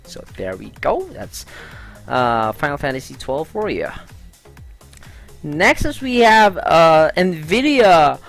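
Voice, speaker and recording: A gaming vlogger runs through the week's news in a loose, chatty way, full of "uh" fillers and bursts of enthusiasm. The voice sits in a middle pitch with a gravelly, fry-heavy edge. Faint music plays underneath. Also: sing-song, slow. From Philippines. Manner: chatty and upbeat, lots of "uh" fillers. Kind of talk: casual vlog commentary on gaming news.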